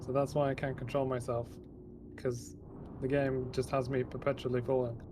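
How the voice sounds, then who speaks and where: A man's voice: medium pitch, little pitch movement, normal speed, background noise. A man chatting casually with friends while he plays a video game. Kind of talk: casual gameplay chat with friends.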